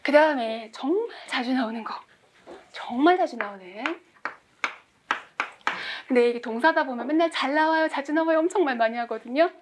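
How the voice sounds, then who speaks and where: High-voiced woman teaching English. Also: normal speed, pauses often, background noise. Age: 40s. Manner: lively, quizzes the class and jokes. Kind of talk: classroom lecture.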